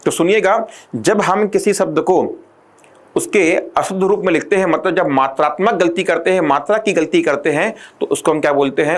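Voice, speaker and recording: A male teacher giving an exam-prep lecture who keeps asking the class rhetorical questions and slows down to dictate definitions. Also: a little high.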